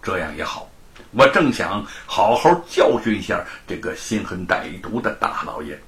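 A man voicing an upright, dignified scholar who speaks gravely and admonishes. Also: low voice, lively intonation, normal speed, fairly bright tone, voice pushed down. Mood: stern.

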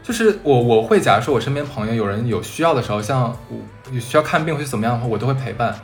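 A man from Northeast China co-hosting a podcast, chatting casually with lively responses. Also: medium pitch, racing, soft background music. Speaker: podcast co-host. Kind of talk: casual chat.

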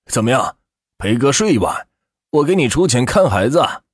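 A crude, swaggering bully brags and threatens, his husky voice swooping wildly up and down, as a male storyteller puts him on. The sound is dry and close. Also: medium pitch, sing-song, normal speed, dry recording. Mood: leering. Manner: swaggering, coarse. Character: fat arrogant crude male supplier, bullying.

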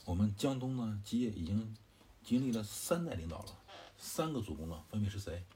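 An earnest, indignant advisor from an old war tale, as a male storyteller puts him on. The voice is low and warm, the protests are plain and conversational, with little change from the teller's own voice. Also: lively intonation, brisk, slight background noise, close to an everyday voice. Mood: protesting.

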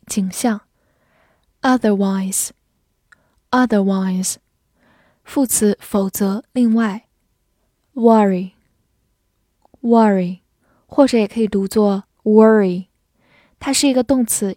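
A woman teaching English words in a vocabulary lesson, explaining clearly and reading example sentences slowly. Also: on the high side, mellow, no echo, clean studio sound. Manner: clear, measured explanation with slow read-alongs.

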